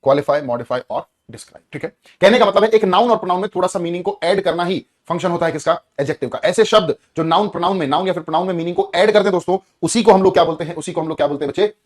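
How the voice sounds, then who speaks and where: A man teaching an online grammar lesson in a Hindi accent, energetic, repeating key words and asking students questions. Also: sits high, rapid-fire, hardly any pauses.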